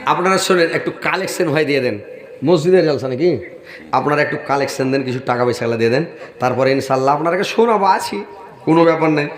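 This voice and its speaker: A male preacher giving a humorous sermon at a large outdoor gathering, teasing the audience and asking for donations over a loudspeaker. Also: on the high side, fast. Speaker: Islamic preacher. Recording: echoey public-address sound at a crowded gathering.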